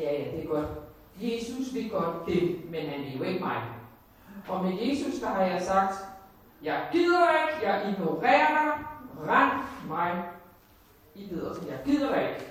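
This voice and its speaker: A middle-aged churchgoer tells a personal faith story to a congregation, halting and full of pauses, with dry jokes at their own expense. The voice sits at an ordinary pitch and comes from well back from the microphone. The church hall rings with a heavy echo over a faint hiss. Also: darkish tone. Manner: halting, with frequent pauses and fillers. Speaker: churchgoer giving a testimony. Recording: very echoey room, voice far from the mic, faint background hiss.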